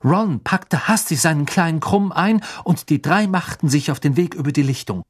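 An audiobook reader narrating a fantasy novel in a dramatic, expressive way. The voice has a husky grain and a lively, wide-ranging melody. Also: mid-range voice, normal speed.

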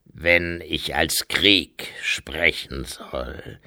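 A man voicing War, an ancient boisterous warrior growing old, in a gruff, blustery audiobook character voice. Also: very deep voice, very slow, bright, forceful tone, no room sound, clean studio sound, pitched below the performer's own voice, exaggerated voice.

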